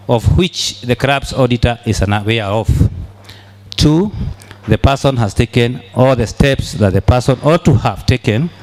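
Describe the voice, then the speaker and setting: A man giving a formal financial report at a meeting as treasurer, deliberate and halting, repeating phrases as he goes. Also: medium pitch, darkish tone. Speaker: club treasurer presenting annual accounts.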